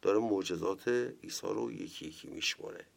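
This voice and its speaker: Low, gravelly man, a poetry teacher who moves between chatty explanation and slow recitation. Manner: explains in plain talk, recites verse slowly. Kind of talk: lecture with verse recitation.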